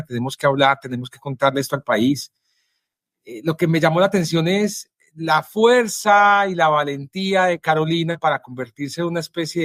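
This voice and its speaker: A man's voice: fairly high pitch, fairly bright tone, dry recording. Earnest Colombian man interviewing, dry sound. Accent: Colombian Spanish. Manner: measured, earnest, with frequent "eh" pauses. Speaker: journalist and interviewer. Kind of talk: introducing a guest and asking questions.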